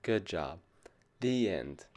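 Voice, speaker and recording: A man reads a picture book to children slowly, in a low, sing-song, slightly mellow voice. He addresses the kids as a teacher might, asking them questions.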